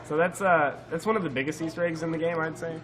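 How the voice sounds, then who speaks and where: Heavy background noise surrounds a man with a fairly high, steady voice who talks quickly. He's doing live co-op speedrun commentary in front of a crowd, rambling casually with his partner, often using fillers and restarting sentences.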